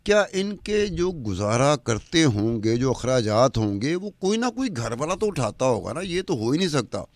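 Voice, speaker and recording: A man's voice: mid-range voice, sing-song, no echo. Man firing rhetorical questions. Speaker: podcast commentator. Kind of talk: argumentative podcast talk. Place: studio with a woman anchor.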